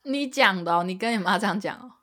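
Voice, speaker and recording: A woman's voice: medium pitch, lively intonation, fast talker, fairly bright tone. A young woman, co-hosting a casual podcast chat and venting in an exasperated, ranting way. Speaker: podcast co-host.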